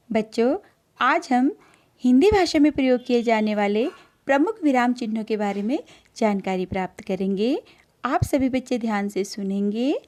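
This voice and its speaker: A woman teacher giving an online lesson to children, explaining slowly and speaking to them directly, with a filler now and then. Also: a little high, a little mellow.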